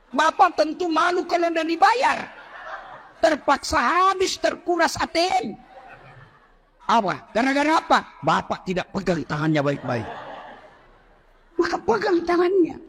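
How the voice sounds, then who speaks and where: Male preacher, middle-aged, Indonesian accent, high and animated, comic sermon style. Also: slight background noise. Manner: jokey, acts out quoted voices, addresses audience directly. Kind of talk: humorous sermon. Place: mosque.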